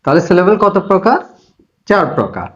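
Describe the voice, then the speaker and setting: Male grammar teacher, slightly high voice, repeats points patiently, roomy lo-fi recording. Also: big pitch swings, brisk, a bit bright. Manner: patient, repeats key points, addresses student directly. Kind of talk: classroom-style lesson explanation. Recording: echoey room, dull lo-fi sound.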